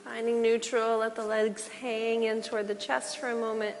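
A woman yoga instructor guiding relaxation slowly and calmly, with soothing, spaced-out instructions. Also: a little high. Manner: slow, calm, soothing delivery with pauses. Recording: reverberant hall, clear background noise.

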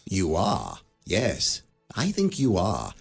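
An actor playing Scrooge, an elderly miser turned giddy and generous, laughing and lively in a radio play. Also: male voice, deep voice, slow, gravelly, breathy edge, full character voice. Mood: joyful. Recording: studio radio drama with faint music.

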